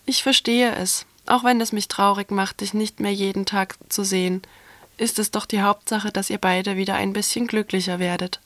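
A woman's voice: medium pitch, fairly even intonation, normal speed, a bit bright, no room sound, natural voice. A woman voicing a sensitive, curious young boy in a storybook reading, asking earnest questions in a raised voice. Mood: sad.

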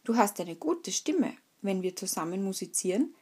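A woman's voice: mid-range voice, sing-song, normal speed, a little mellow, breathy edge. A woman voicing an old, kind male donkey who leads and encourages the other animals, in a spoken fairy tale. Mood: encouraging.

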